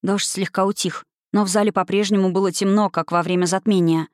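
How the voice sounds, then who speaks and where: A woman reading an audiobook in even, measured scripted narration. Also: mid-range voice, no echo, studio quality.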